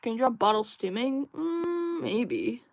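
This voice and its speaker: A woman's voice: on the high side, expressive, slow pace, gravelly, dry recording. A young woman hosting a casual livestream while drawing, musing and rambling with many fillers and restarts while she reads viewer chat aloud. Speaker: livestream host.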